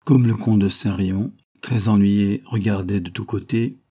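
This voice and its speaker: A man reading an old serial novel aloud in a measured, steady narration. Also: lowish voice, slightly rough. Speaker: audiobook reader.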